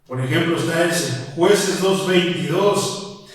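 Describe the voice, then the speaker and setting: A man's voice: fairly high pitch, slow pace. Mexican pastor man preaching hard, lots of questions, far off mic in a really echoey church. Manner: emphatic preaching full of rhetorical questions. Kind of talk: sermon. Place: church prayer hall.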